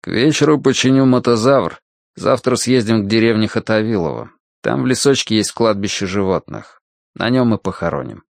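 A big, kindly grown man in a storybook, speaking low, slow and soothing, as a male narrator voices him. The voice sits deep and close, dry and plain. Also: expressive, vocal fry, no echo. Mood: gentle.

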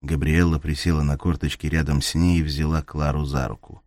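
Male thriller narrator, bass-low pitch, dry close read. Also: flat delivery, fairly quick, a little mellow, no echo. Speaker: audiobook narrator. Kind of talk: scripted narration.

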